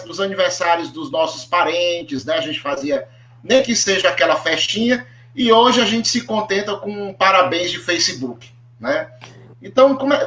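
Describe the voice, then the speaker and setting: A Brazilian-accented man with a fairly high, slightly bright voice hosts and moderates an online panel. He poses questions hesitantly, repeating words as he goes. The audio comes over a video call from an echoey room.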